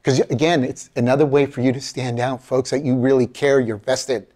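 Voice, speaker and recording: A middle-aged man with a medium-pitched voice, speaking at normal speed, delivers a motivational career keynote in a college lecture hall. Animated, he calls the audience "folks" and acts out quoted voices. A far-off camera among the audience picks him up.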